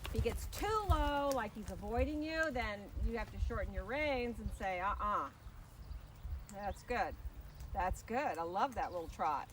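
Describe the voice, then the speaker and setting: A woman with a fairly high voice coaches a horse rider, projecting brisk, short commands mixed with steady encouragement. The recording is clearly noisy, with hoof clip-clop and arena ambience around her. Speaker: horse riding instructor. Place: riding arena among horses.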